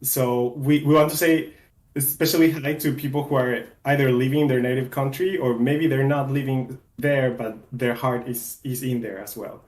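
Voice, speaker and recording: A man's voice: medium pitch, steady tone, normal speed, a little mellow. Mexican-born man in a roomy echo. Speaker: game developer on a livestream. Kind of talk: casual livestream chat.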